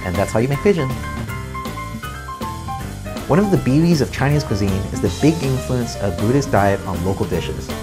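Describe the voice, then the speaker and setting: An upbeat male host narrates a cooking segment step by step, his voice at an everyday middle pitch. Music plays clearly behind his voice-over. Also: animated, normal speed, long pauses.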